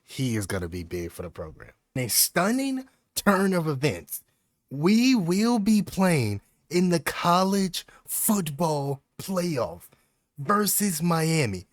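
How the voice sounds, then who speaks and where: A young man giving live commentary over his own football video game, talking to himself and bursting into yells on big plays. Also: a little high, very animated, slow pace, no room sound, clean studio sound. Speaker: gaming YouTuber.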